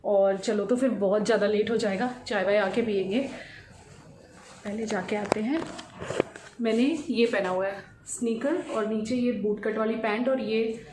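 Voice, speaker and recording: A woman in her thirties, a daily vlogger, chats casually to the camera in Hindi sprinkled with English words, speaking at normal speed with a steady, mid-range voice over a noisy background. Holding her phone, she talks first indoors at a resort and then outside while riding a scooter.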